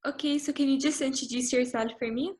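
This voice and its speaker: A woman interviewer who introduces the video and asks brisk, direct questions. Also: high voice, fairly even intonation, a little mellow.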